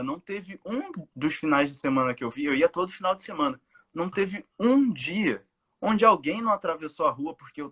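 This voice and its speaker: Bright-voiced young man with a Rio accent. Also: a little high. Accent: Rio de Janeiro Portuguese. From Brazil, São Gonçalo. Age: young adult. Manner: vivid storyteller acting out quoted dialogue. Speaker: actor guest. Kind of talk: casual interview storytelling.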